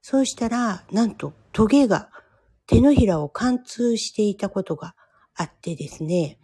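A woman in her fifties hosting a solo podcast, talking about her own life in a gentle, confiding, reflective way. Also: mid-range voice, expressive, moderate pace, breathy edge. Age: 50s. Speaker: podcast host. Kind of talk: solo personal podcast talk.

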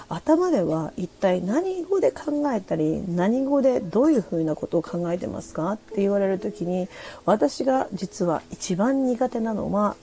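Chatty woman with a gravelly voice. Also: medium pitch, warm tone. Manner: chatty, laughing, hesitant, switching between Japanese and halting English. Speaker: podcast host. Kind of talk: casual solo radio chat reading listener comments. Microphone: phone or desk mic on a streaming app.

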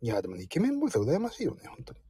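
A man's voice: medium pitch, wildly swooping pitch, racing, dark tone, husky, no room sound. A man hosting a casual live stream from his parked car, chatting in a self-deprecating way and reading out listener comments. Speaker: livestream host.

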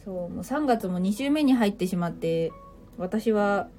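A woman's voice: medium pitch, animated, measured pace, mellow, soft background music. Playful Japanese-speaking woman hosting a livestream. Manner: playful, teasing, mixes in English phrases. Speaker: livestream host. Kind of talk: casual livestream chat, reading listener comments.

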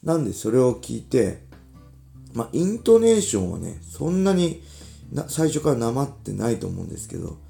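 A man in his forties from Ibaraki, Japan, hosting a casual solo podcast in a relaxed, chatty way with lots of filler asides. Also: mid-range voice, moderate pace, vocal fry, soft background music. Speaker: podcast host, former pro fighter.

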